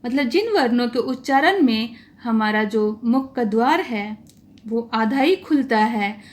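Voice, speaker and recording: A woman with a high-pitched voice teaches a grammar lesson to exam students. She explains patiently and voices each vowel sound aloud so listeners can repeat it.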